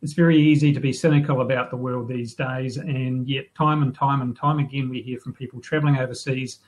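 A middle-aged man hosting an interview over a video call, chatting in a relaxed way and asking leading questions. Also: mid-range voice, fairly quick, rough recording. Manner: conversational, asks leading questions. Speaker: podcast host. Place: room at home.

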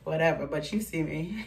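A young woman talking earnestly in a casual get-ready-with-me vlog, with many pauses and fillers. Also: low-pitched. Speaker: vlogger.

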